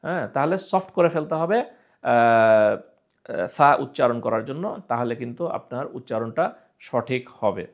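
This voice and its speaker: Gravelly-voiced man teaching Quran pronunciation. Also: medium pitch, highs cut off. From Bangladesh. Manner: repeats sounds slowly for drill, asks and answers own questions. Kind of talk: explaining pronunciation with recited examples.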